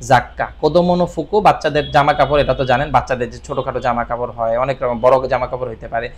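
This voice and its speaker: A man teaching Japanese vocabulary in a casual lesson, often asking a question and repeating each word slowly. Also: medium pitch, steady tone. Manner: repeats words with quiz questions; draws out words slowly. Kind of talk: explanatory lesson.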